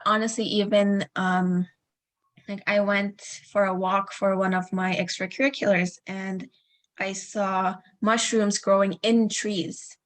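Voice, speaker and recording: A woman's voice: medium pitch, little pitch movement, a little slow. Earnest young woman, hesitant podcast host. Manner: hesitant, filler-heavy, earnest. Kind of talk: casual podcast chat.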